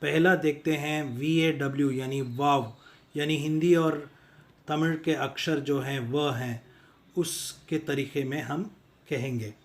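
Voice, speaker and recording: A man teaching letter sounds, speaking slowly and repeating each sound for practice. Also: fairly high pitch, fairly even intonation. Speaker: language teacher. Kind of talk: slow instructional explanation.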